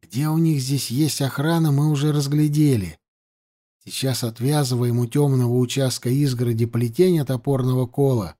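A man voicing a young male scout who lays out a plan in a hushed, steady, matter-of-fact way, read as an audiobook. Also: medium pitch, normal speed, natural voice. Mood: calm planning. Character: young male scout, planning quietly and calmly. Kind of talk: audiobook reading.

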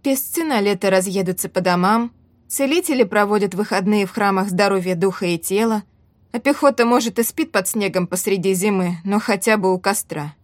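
A woman's voice: medium pitch, a little fast, no room sound, lightly acted. A woman reading as a weary young female cadet. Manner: tired, subdued.

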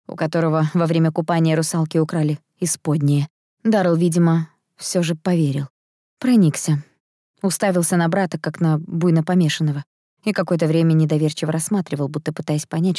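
A woman reading a first-person audiobook in a calm, even manner. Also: low voice, no room sound, clean studio sound. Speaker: audiobook narrator. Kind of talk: scripted first-person narration.

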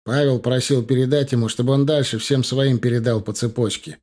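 A man's voice: mid-range voice, steady tone, brisk, darkish tone, close to an everyday voice. A man reading aloud plays a flustered, stunned middle-aged husband blurting out news. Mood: hurried.

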